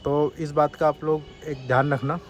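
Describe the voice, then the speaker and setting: A man's voice: on the high side, little pitch movement, moderate pace. Earnest man venting about bike service. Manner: earnest, complaining retelling of a dealer dispute, then direct warnings. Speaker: motorcycle vlogger. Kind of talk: casual first-person account and advice to viewers.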